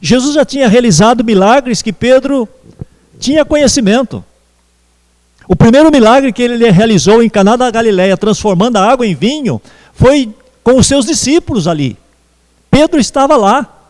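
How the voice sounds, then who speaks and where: A man preaching a sermon as pastor, slow and measured with pauses. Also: very high-pitched, expressive, a little mellow, long reverb tail. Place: church.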